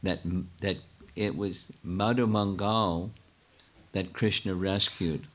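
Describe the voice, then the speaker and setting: Older man, low voice, spiritual teacher, lecture q&a, halting, restarts often. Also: fairly even intonation. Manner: halting, many restarts, thinks aloud. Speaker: spiritual teacher answering questions.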